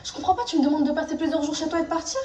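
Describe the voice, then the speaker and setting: A woman's voice: high voice, racing, a little mellow, natural voice. A woman playing a stubborn, anxious aunt in a naturalistic drama, insistent, pleading and full of questions. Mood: insistent, questioning. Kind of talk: naturalistic film drama acting. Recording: echoey room, distant from the mic.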